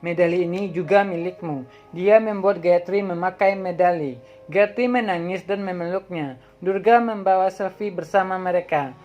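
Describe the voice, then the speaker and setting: A woman reading a drama plot synopsis aloud as a channel host, in a plain even way that sometimes stumbles and restarts words. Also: fairly low pitch. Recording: dull lo-fi audio with faint background music.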